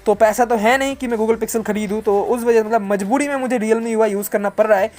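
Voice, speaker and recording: An Indian tech channel host reads out viewer questions and answers them casually, calling listeners "bro" and "friends" and mixing in English tech terms. His mid-range voice is a little mellow and a little fast, with fairly even intonation, and he explains things conversationally.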